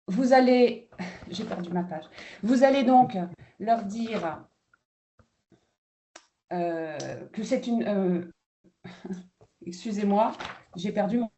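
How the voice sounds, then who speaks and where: Woman kindergarten teacher, warm dark timbre, webinar presenter, patient and explanatory with filler pauses. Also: mid-range voice, slight background noise.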